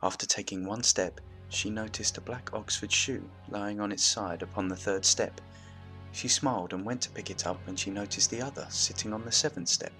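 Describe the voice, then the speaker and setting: Low bright-toned male storyteller. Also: fairly even intonation, normal speed, soft background music. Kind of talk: scripted story narration.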